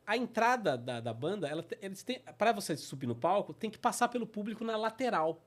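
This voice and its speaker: A middle-aged man with a Brazilian Portuguese accent telling personal stories on his podcast, animated and full of fillers. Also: high-pitched, brisk. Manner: animated, acts out quotes, many fillers like "né" and "tipo assim". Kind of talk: casual storytelling.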